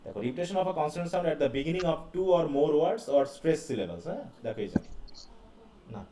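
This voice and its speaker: A man teaches a class, talking students through each point and asking them questions as he goes. His voice sits a little high for a man. It comes from some way off in an echoey room with a faint hiss. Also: big pitch swings, a little slow. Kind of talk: live class lecture. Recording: echoey classroom heard from a distance.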